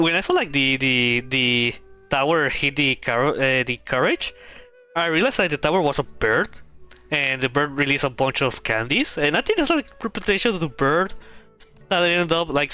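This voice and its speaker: A woman streamer giving casual, excitable commentary while playing a game, gushing emotionally as she goes. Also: low voice.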